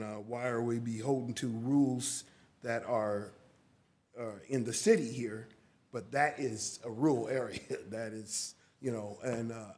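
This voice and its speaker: A man's voice: mid-range voice, a little mellow. Male, 50s, local resident giving public comment, hesitant, plain middle voice. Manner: halting, with many restarts. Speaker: resident addressing the council. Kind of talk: public comment at a city council meeting. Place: council chamber.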